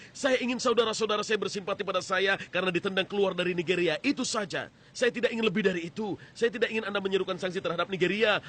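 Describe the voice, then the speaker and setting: A man giving a dubbed lecture voice-over, telling an anecdote with quoted back-and-forth dialogue. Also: high voice. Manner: animated storytelling with quoted dialogue.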